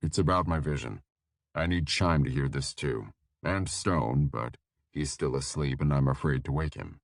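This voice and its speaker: Worried young visionary, voiced by a male narrator; low, dry, urgent. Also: normal speed, no room sound.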